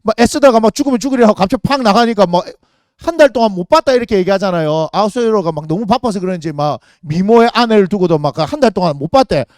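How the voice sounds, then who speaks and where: A male pastor preaches to young people in a high, swooping voice that jumps up and down constantly. He fires rhetorical questions at the room and acts out little scenes. The sound is close and dry. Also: fast, dry recording. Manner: animated, talks to the congregation with rhetorical questions and acted quotes. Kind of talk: lively youth sermon.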